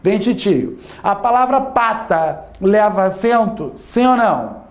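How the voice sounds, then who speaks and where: A man's voice: sits high, sing-song. Man quizzing a class. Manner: quizzes the listener with repeated rhetorical questions; drawn-out emphasis on key words. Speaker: Portuguese teacher. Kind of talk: classroom grammar lesson.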